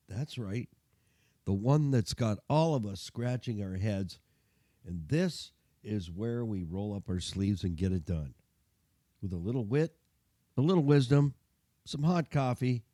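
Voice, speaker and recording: A man speaks as the chatty host of a folksy car show, in a dry, close studio sound. His tone is dark and relaxed, thickened by a gargly, congested winter cold. He keeps up a jokey, homespun patter. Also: medium pitch, no room sound. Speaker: radio show and podcast host.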